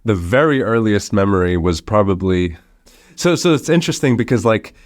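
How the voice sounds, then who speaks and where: Interviewed on a podcast, a young Hong Kong startup founder with a slight American accent picked up at international school talks conversationally, restarting often and using fillers. His fairly low voice is expressive at normal speed, and the recording is dry and studio quality.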